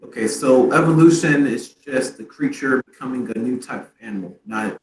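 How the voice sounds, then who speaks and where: A man asks halting, hesitant questions in a casual debate over a video call from a basement, and his voice keeps breaking up on a choppy connection. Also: mid-range voice. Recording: echoey call audio dropping out.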